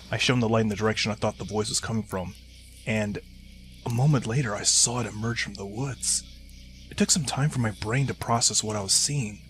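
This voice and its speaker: A man narrating a horror story, reading the dialogue in different voices. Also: lowish voice. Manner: acts out the dialogue in shifting voices.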